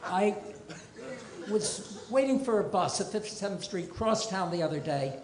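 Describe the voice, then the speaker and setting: A man's voice: sits high, animated, moderate pace, noisy background. An older man doing a stand-up comedy set on a club stage, delivering dry one-liners with self-deprecating asides. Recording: roomy club with loud audience laughter.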